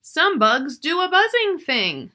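At home in a small furnished room, a middle-aged woman gives young children an expressive picture book reading, elongating key words and talking to the listener. She sounds high-pitched and very animated, with a slow pace and a pushed, bright tone.

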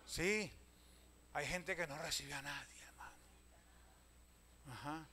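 A man, a pastor telling stories in a sermon, swinging from loud calls to hushed asides and often addressing listeners as brother. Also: fairly high pitch, takes it slowly. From Venezuela. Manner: storytelling preacher, swings from loud calls to hushed asides, keeps saying "hermano".

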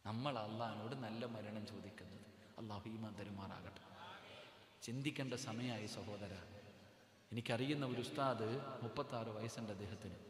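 A man's voice: lowish voice, normal speed, slight background noise. A man preaching an emotional sermon, pleading with his listeners through rhetorical questions. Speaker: Islamic preacher. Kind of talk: impassioned sermon. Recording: echoey hall with long reverb.

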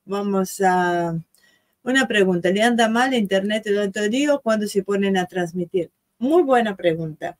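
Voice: medium pitch, moderate pace, no echo. A host chatting casually with viewers about the stream, apologetic and talkative. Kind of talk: casual live-stream chat.

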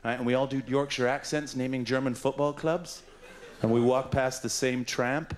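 A male stand-up comedian doing an absurd, rambling set on a club stage, swinging between squeaky highs and mumbled lows. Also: steady tone, normal speed. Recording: roomy club, loud audience laughter.

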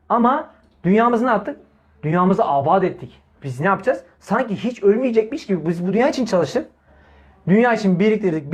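A man preaching in an informal religious talk, speaking emphatically, repeating key phrases, asking rhetorical questions and addressing his listeners directly as brothers. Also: high-pitched. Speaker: Islamic preacher.

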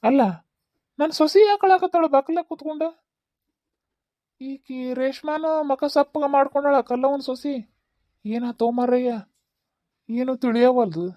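A woman with a North Karnataka Kannada accent plays a worried old village father-in-law in a comedy skit, rambling and repeating her questions in a worried, bewildered mood. Her voice is high and mellow, at a moderate pace with long pauses, natural-sounding and recorded dry at studio quality.

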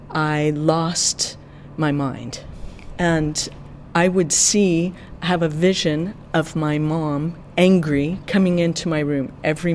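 An interpreter giving a translation voice-over in the first person, in a measured, steady way that often drops quieter. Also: mid-range voice, a little hiss or hum.

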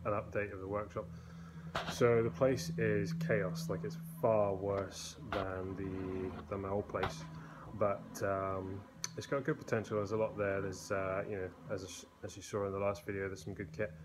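Holding a phone at arm's length, a man in his thirties films a casual walkthrough of his indoor workshop with concrete walls; he's a blacksmith vlogger. He speaks at a fairly low pitch and measured pace, rambling easily with lots of fillers and restarts, and the recording is noisy.

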